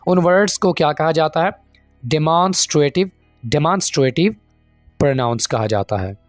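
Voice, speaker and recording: A man teaching an English grammar lesson, explaining step by step, checking in with his viewers and reading English examples slowly. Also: fairly high pitch, no room sound, soft background music. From Pakistan. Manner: reads the English example sentences slowly and deliberately.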